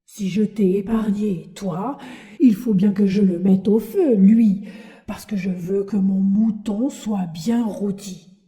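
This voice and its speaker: A woman voicing a gruff, bearded male puppet master in an audiobook, stern yet softhearted. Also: medium pitch, steady tone, takes it slowly, lightly acted. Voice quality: gruff, sneezing. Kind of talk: audiobook character reading.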